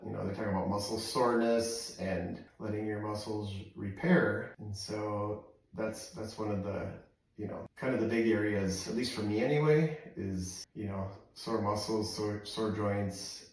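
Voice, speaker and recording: An American man chatting casually in a halting, rambling way with lots of "you know," as he sits in ice cold water for a vlog. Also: lowish voice, darkish tone. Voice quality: frequent "you know" filler, halting phrasing. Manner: talking while sitting in ice cold water. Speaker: vlogger doing a cold plunge challenge. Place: outdoor deck, in a cold plunge tub. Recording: very echoey, voice distant from mic.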